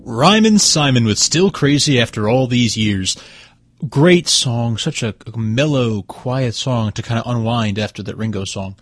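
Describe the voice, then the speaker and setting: A man hosting a music show, introducing songs in a hushed, relaxed way with plenty of fillers. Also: medium pitch, measured pace, no room sound. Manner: hushed, relaxed, mellow delivery; rambling with frequent fillers. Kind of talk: casual radio-style song introductions.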